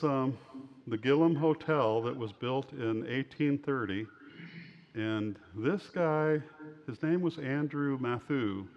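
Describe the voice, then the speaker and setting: Speaking at a medium pitch, a man presents an informal slide talk about his work as an author. He rambles and halts, and the recording sounds muffled.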